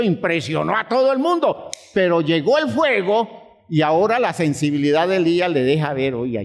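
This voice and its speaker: A man preaching a sermon as pastor, swinging between hushed, quiet lines and high, pleading outbursts.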